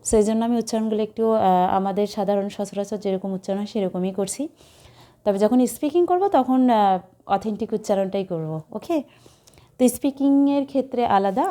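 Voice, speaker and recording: Woman, English teacher, warm mellow voice, patient classroom explaining, spells words aloud. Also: mid-range voice. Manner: explains patiently, spells words out letter by letter, checks understanding with "hyan?".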